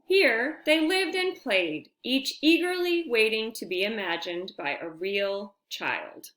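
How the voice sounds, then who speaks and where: In a reverberant space, a woman with a fairly high voice reads a picture book to young children. Her phrasing is expressive and deliberate, and she adds friendly asides.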